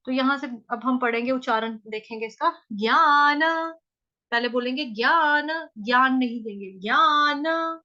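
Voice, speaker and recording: A woman with a North Indian accent teaching Sanskrit verse recitation, drilling each syllable slowly and repeating it several times. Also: a little high, sharp tone, muffled recording. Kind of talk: chanting lesson, syllable by syllable.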